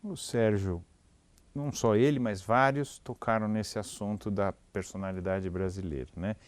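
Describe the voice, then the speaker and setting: Low-voiced male podcast host. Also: normal speed, dry recording. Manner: loose, informal steering of the talk. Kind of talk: casual interview chat.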